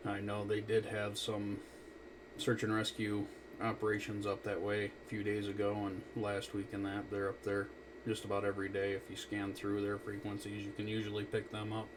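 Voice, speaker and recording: Low, even-voiced man running a radio net. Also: normal speed. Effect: two-way radio transmission. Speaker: radio net control operator. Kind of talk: amateur radio net talk. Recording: noisy radio transmission.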